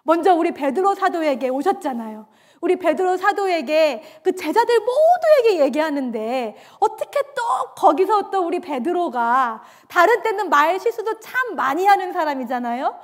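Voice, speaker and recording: Woman pastor, very high voice, heartfelt sermon storytelling, acts out quotes. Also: sing-song, moderate pace. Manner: earnest storytelling, acting out quoted lines, warm laughs. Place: church sanctuary.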